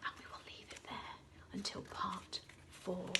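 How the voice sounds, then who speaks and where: An English infant school teacher reads a children's story aloud a little slowly, dropping into hushed whispers to build suspense.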